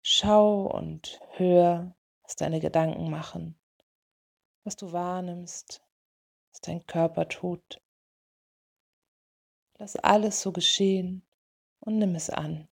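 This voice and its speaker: A woman leading a guided meditation in a soothing, gentle way, in short unhurried phrases. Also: on the low side, steady tone, creaky, slightly rough. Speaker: meditation guide for dog owners.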